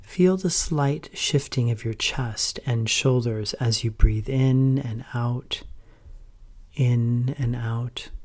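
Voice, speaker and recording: A man with a mid-range voice leads a guided meditation as a teacher. He speaks gently, calmly, and in a measured way, with pauses and soft, breathy endings to his phrases.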